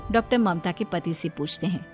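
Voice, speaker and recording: A woman narrating a cartoon moral story in a plain, even storytelling voice. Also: lowish voice, fairly quick, soft background music.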